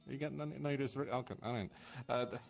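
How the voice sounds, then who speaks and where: A man speaking in improvised role-play as a group's leader, haltingly, often stumbling over his words. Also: mid-range voice, steady tone, vocal fry, soft background music. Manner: halting, stumbles through reading aloud. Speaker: group leader addressing a room in a live roleplay.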